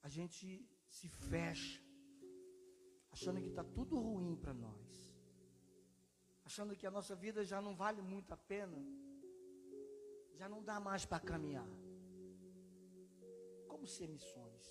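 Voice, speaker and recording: Brazilian man, pastor, animated sermon storyteller; high voice, long hall echo. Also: measured pace, pauses often, over music. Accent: Brazilian Portuguese. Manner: animated storyteller, acts out prayers, laughs at himself. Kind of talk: sermon with personal testimony. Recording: echoey hall with background noise.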